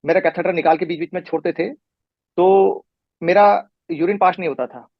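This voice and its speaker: A man's voice: sits high, moderate pace, no room sound. A middle-aged man talking as a patient in a casual conversation, giving a long, detailed account with frequent restarts. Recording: muffled lo-fi recording.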